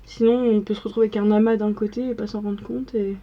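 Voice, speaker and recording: A woman's voice: mid-range voice, flat delivery, fast, highs cut off. A young woman chatting casually through a makeup tutorial, narrating each step as she works in front of the camera. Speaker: makeup vlogger.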